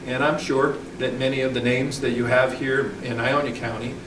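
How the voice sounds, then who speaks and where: A man's voice: medium pitch, steady tone, normal speed. Man, middle-aged, rambling history talk, echoey hall. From Michigan. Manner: rambling, many ums and restarts. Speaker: local history speaker. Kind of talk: informal public talk. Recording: echoey hall, distant mic, background noise.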